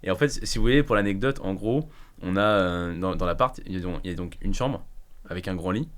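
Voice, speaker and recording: A man's voice: sits low, fairly quick, a bit bright. A man, co-hosting a casual podcast chat, rambling with many fillers and restarts. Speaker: podcast co-host. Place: podcast studio.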